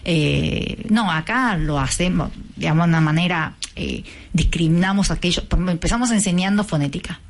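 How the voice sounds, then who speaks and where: Speaking a little fast with few pauses, a woman with a lowish voice and an Argentine accent is interviewed on the radio. As president of a cultural association, she patiently lays out lessons in a teacherly manner and sings tones to demonstrate.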